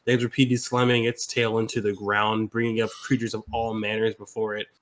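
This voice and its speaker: A man's voice: on the low side, level tone, fast talker, a bit bright. A man narrating as game master of a tabletop game, casual and swearing freely. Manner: casual, swearing, laughing, with fillers.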